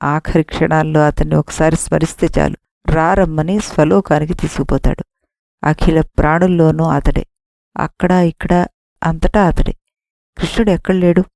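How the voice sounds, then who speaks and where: A woman voicing a calm devout messenger. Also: sits low, moderate pace, creaky, no room sound. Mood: reassuring. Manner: soothing, reverent reassurance. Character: calm devout young male messenger, consoling.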